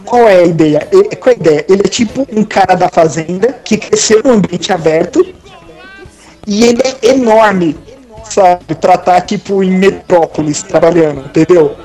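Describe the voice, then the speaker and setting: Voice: mid-range voice, normal speed, warm tone. A Brazilian co-host with São Paulo slang, explaining comics in casual chat, full of fillers like "tipo" and "sabe". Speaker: podcast co-host.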